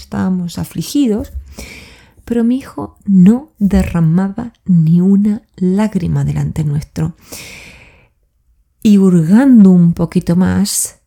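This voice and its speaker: A woman's voice: mid-range voice, creaky, warm tone. A middle-aged woman hosting a podcast, reflectively telling personal stories straight to the listener. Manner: reflective, addresses listener directly. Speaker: podcast host.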